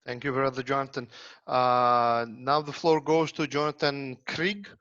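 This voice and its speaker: A man's voice: medium pitch, steady tone, unhurried, a bit bright. A man chairing an online lecture as moderator, speaking hesitantly with many filler sounds over a video call. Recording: dull, dry lo-fi audio.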